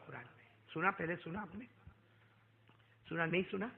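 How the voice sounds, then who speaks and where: A man preaches a storytelling sermon in a high, gravelly voice, rising to loud calls and dropping to hushed asides. He asks the crowd to answer him and chants verses. The sound is thin and tinny, like a phone line. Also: a little hiss or hum.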